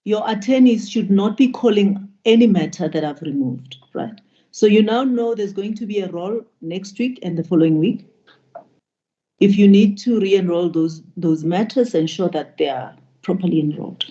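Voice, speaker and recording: A woman's voice: mid-range voice, normal speed, dark tone. A middle-aged woman presiding as a judge, giving firm, stern directions in formal court language. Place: indoor room with plain wall, video call. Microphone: computer microphone on a video call. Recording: dull lo-fi video call audio.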